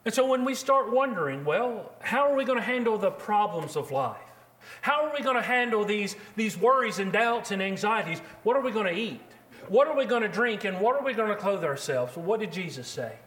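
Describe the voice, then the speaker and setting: A man preaching a sermon, earnest and measured, slowing down to quote scripture. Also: high-pitched, sing-song, a bit bright.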